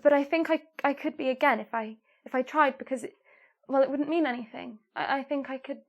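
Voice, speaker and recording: A woman playing a shy, anxious young lady of the Regency era, stammering and halting. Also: high-pitched. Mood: nervous. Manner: hesitant, stammering, halting restarts.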